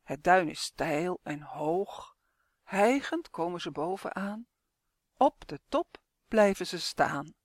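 A woman's voice: fairly low pitch, slow, a little hiss or hum. Woman reading a rhyming children's story. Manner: lively sing-song rhyming read. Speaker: author and reader. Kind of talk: storybook narration.

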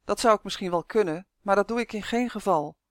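Storybook shaman, adult man, measured and knowing, read by the narrator; dry close recording. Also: medium pitch, dry recording, lightly acted. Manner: measured, knowing, good-natured. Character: calm, probing adult male shaman.

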